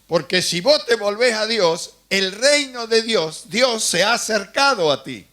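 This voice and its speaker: A pastor preaches a sermon in a high, bright, forceful voice with lively intonation at a measured pace. He tells stories conversationally and puts questions to his congregation.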